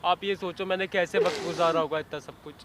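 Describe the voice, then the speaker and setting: A man's voice: high voice, steady tone, fast, crowd noise, lightly acted. A young man acting as a son just out of jail, pleading with his mother and repeating her name over and over in a drama skit.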